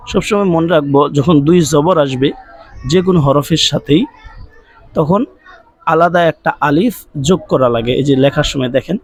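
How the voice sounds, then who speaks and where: A man's voice: a little high, no room sound, low-quality recording. A man teaching Quran reading in an online class, patiently drilling syllables over and over and asking listeners to repeat after him. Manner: repetitive drilling of syllables, rising on recaps.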